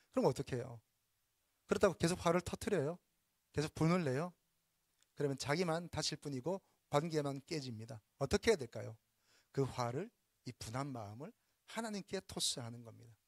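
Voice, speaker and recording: A male pastor preaching a sermon, emphatic, with sudden swings between loud, urgent lines and soft, hushed ones. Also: fairly high pitch, no echo, clean studio sound.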